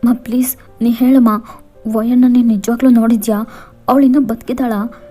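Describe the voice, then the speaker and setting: A woman's voice: fairly high pitch, steady tone, moderate pace, dark tone, soft background music, close to an everyday voice. Woman voicing a frantic young man. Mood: anxious. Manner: pleading, disbelieving outbursts. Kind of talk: Kannada fan-fiction voiceover.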